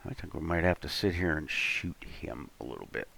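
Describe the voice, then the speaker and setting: A man's voice: rumbling low, expressive, normal speed, vocal fry, pushed and bright, husky. A man giving casual game commentary, thinking aloud in a chatty, unscripted way, with an audible hiss from an open computer case. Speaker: streamer playing a naval warship game.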